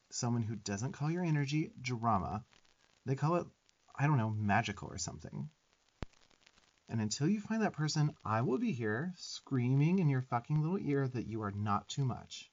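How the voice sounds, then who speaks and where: This ASMR roleplay features a man as a sarcastic little demon twink who lovingly bosses the listener. His voice is young and mid-pitched, bouncing with sassy emphasis and profane, tough-love bluntness, and the recording sounds a bit dull.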